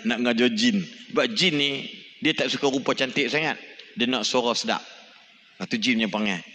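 Malaysian male preacher, middle-aged, bright edgy tone, lively storytelling, reverberant mosque hall. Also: medium pitch, normal speed, a little hiss or hum. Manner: lively storytelling, animated exclamations, asks the audience questions. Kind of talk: mosque lecture sermon. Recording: long reverb of a large hall.

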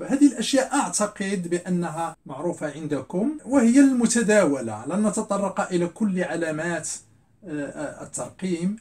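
A middle-aged man teaching a classroom grammar lesson, repeating words slowly and asking and answering his own questions. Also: sits high, a little mellow. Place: classroom with a blackboard.

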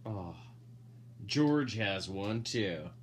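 A dad with a fairly low voice gives an animated picture-book reading, drawing his words out long. He makes playful, casual asides to his listeners, and a little hiss or hum can be heard.

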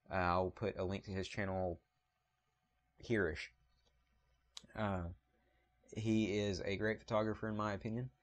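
A deep-voiced man with a Southern US accent hosts his photography channel. He addresses the camera casually, apologetic and rambling. The sound is recorded on a point-and-shoot camera's mic.

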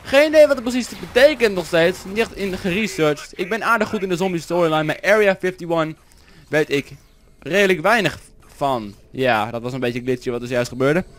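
A Dutch teenage boy doing excitable Let's Play commentary, swearing and yelping at setbacks and humming along as he plays. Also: high voice, fairly quick, slight background noise. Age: teens. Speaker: gameplay commentator. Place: home room with a vacuum cleaner running outside.

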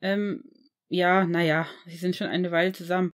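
A shy teenage boy wizard, read by a woman in a fan-made audiobook. He speaks in a hesitant, halting way and sounds a little embarrassed. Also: lowish voice, little pitch movement, close to an everyday voice.

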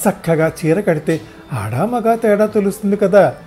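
A man's voice: sits high, animated, normal speed, warm tone, soft background music, pitched above the performer's own voice. A man doing a chatty, nosy old mother. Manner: talkative, meddling, fussing.

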